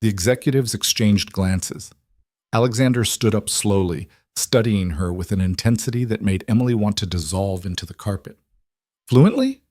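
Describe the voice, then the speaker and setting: A man narrates a dramatic story in a low, steady voice at normal speed. The sound is dry and close-miked, with no room sound at all.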